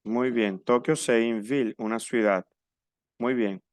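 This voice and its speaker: A man's voice: medium pitch, fairly even intonation, a little slow, no room sound, clean studio sound. A man teaching a French class to Spanish speakers, explaining patiently and spelling out pronunciation. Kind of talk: online class instruction.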